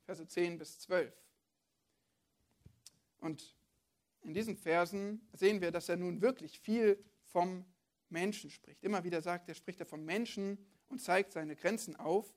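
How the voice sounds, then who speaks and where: A woman's voice: lowish voice, a little slow, darkish tone. A woman preacher giving a sermon, talking to her listeners directly and often asking them rhetorical questions.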